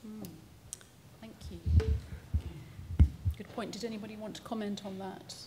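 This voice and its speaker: A woman moderating a panel's question session, polite and brisk. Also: medium pitch, flat delivery. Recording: clear background noise.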